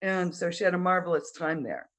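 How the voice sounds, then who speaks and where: A middle-aged woman talking casually as a guest in an interview, halting with many fillers, her throat dry from talking. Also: lowish voice. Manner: halting, many fillers and restarts, occasional coughs. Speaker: guest conductor. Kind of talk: casual interview over video call.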